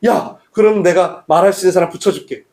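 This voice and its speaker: A man's voice: sits high, fast talker, a little mellow. A man preaching, voicing an impatient divine figure who coaxes bluntly and urgently.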